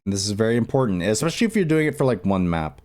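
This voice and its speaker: Speaking very fast in a sing-song way, a man with a fairly low, darkish voice hosts a casual screen tutorial and talks while working. He thinks aloud informally and repeats instructions, all over background music.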